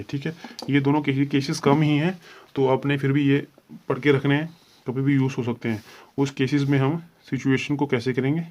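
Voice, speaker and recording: Man teaching shorthand patiently. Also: medium pitch. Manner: patient, repetitive, spells out sounds slowly. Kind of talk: classroom-style lesson explaining at a board.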